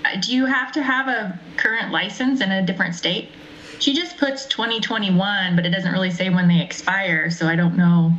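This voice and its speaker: A woman's voice: mid-range voice, moderate pace, a bit bright, dull audio, slight background noise. A woman board member asking questions at a meeting, uncertain and conversational.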